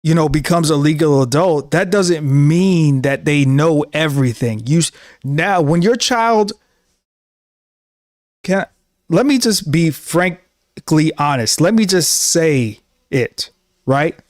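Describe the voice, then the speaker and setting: His voice fairly high and his intonation lively, a man in his thirties talks slowly to camera as a show host. The casual monologue is sincere and preachy, often circling back over the same points, and the sound is clean studio audio with no echo.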